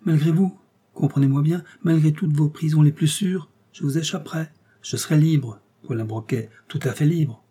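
A man's voice: medium pitch, moderate pace, dark tone, breathy edge, natural voice. A man voicing a raging, taunting circus clown. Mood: defiant. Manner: sarcastic, raging, then pleading. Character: defiant male circus clown, violent and taunting.

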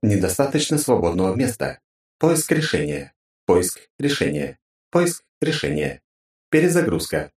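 A man's voice: mid-range voice, big pitch swings, a little slow, a little mellow, reverberant, distant mic, voice pushed up. A male audiobook narrator voicing a malfunctioning computer system that reads clipped status reports and repeats its error messages. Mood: glitching.

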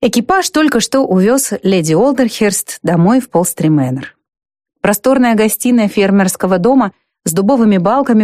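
A woman narrating a classic novel in a measured, even audiobook reading. Her voice sits at an ordinary pitch, and the recording is dry and close with no room sound. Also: no room sound. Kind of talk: scripted narration.

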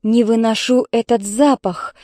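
A woman's voice: fairly high pitch, steady tone, unhurried, mellow, dry recording, studio quality, natural voice. A woman reading as a grumpy, complaining middle-aged mother who scolds her neighbors and children. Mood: grumbling. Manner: complaining, strict.

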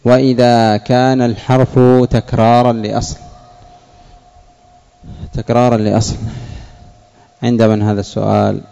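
A man, a sheikh, teaching a classroom lesson on word patterns, speaking slowly and deliberately, repeating key words and putting questions to his students. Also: medium pitch, little pitch movement, creaky, dark tone, clean tone. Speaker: sheikh teaching Arabic morphology. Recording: dull lo-fi lesson recording.

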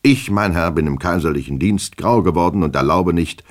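A man's voice: deep voice, moderate pace, close to an everyday voice. A man voicing an old, formal and easily offended office clerk in an audiobook reading. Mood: indignant. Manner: formal, lecturing, indignant.

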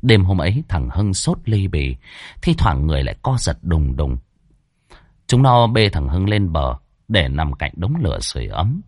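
Husky male ghost-story narrator. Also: deep voice, sing-song, darkish tone, no room sound, studio quality. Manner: dramatic, varied delivery with tense pauses.

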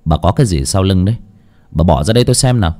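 A man voicing a stern, suspicious husband who speaks low and clipped through gritted teeth. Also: expressive, fast talker, dark tone. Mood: stern suspicion.

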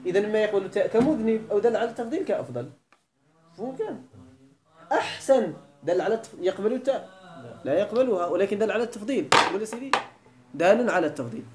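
A man's voice: high voice, expressive, fast talker, long pauses, echoey room, music in the background. A man with a Moroccan accent giving a grammar lecture, often checking that his students follow. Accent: Moroccan Arabic. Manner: quizzes students with repeated questions. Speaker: teacher of Arabic grammar. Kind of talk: classroom lecture. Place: lesson hall.

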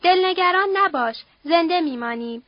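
A woman's voice: very high voice, lively intonation, no echo, dull audio. A woman voicing a young man, a grieving son who talks in an earnest, defiant way.

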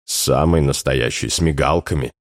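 A man voicing a tired, restrained police investigator who speaks calmly and briefly. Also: extremely low pitch, normal speed, dry recording, studio quality, voice pushed down.

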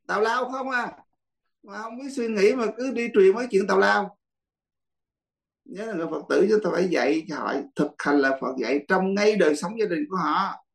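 A man's voice: fairly high pitch, rough recording. A man, a Buddhist monk, teaching a dharma class in a blunt, teasing way and laughing often.

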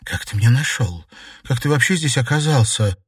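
A man voicing a stubborn, sharp-tongued teenage girl in an audiobook, speaking in a raised, heated voice. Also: mid-range voice, animated, moderate pace, slightly rough, no room sound, studio quality, voice pushed up. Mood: defiant.

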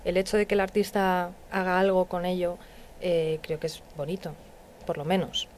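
A woman's voice: on the low side, little pitch movement, normal speed, a little mellow, slight background noise. A woman, a musician guest on a radio interview, talking hesitantly with many fillers. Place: radio studio.

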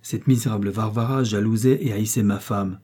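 A man's voice: lowish voice, fairly even intonation, moderate pace, dark tone, breathy edge. A man reading aloud as a passionate young prince, a husband pleading tenderly with his wife in a storybook. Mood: fervent. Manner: fervent, pleading.

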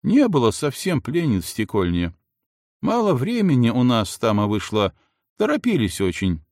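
An awkward, proud young male warrior who stammers and then boasts defensively, as an audiobook reader puts him on. The pitch moves animatedly. The sound is close and dry. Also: huge pitch swings, moderate pace, darkish tone, dry recording. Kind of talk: audiobook character voice.

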